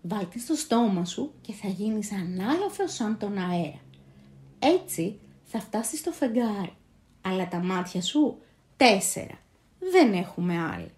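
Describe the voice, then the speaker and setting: Lady reading as proud teachers in a fairy tale, kinda urgent, warm voice. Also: medium pitch, sing-song, natural voice. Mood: proud urging. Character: proud kindly teachers of a young hero.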